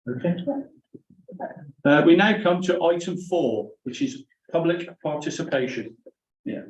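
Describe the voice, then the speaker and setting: A man's voice: a little high, unhurried. A man chairing a formal council meeting, courteously taking it through procedure item by item, recorded in a meeting room. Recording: roomy, distant, dull meeting-room recording.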